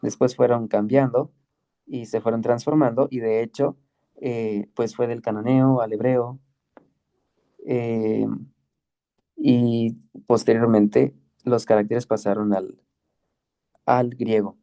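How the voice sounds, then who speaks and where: Patient male Greek teacher, dark voice. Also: medium pitch, steady tone. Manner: patient, explains slowly with many checks like "¿ok?" and "¿sí?". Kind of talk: online class lesson.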